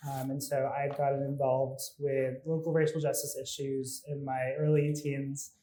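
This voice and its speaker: Flat-voiced young man in an echoey room. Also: medium pitch, normal speed, a little hiss or hum. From New Jersey, United States. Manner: earnest, steady, a few ums. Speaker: panelist. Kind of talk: panel discussion.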